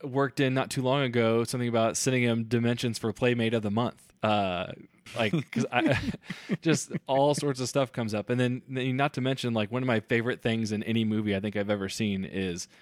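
A man co-hosting a casual podcast about movies, enthusiastic and quick to laugh. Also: medium pitch, fairly even intonation, no room sound, studio quality. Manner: enthusiastic, laughs often, restarts sentences. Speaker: podcast co-host.

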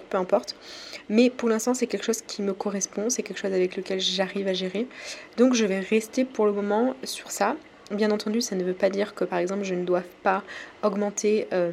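A French woman hosts her own solo podcast, talking casually and haltingly with frequent pauses and fillers. Her voice sits in a middle pitch and is a little mellow, with faint ambient noise humming in the background.

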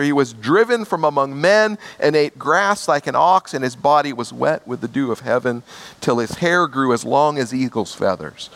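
A man's voice: a little high, a bit bright. A man preaching a sermon as pastor, stressing key words by repeating them.

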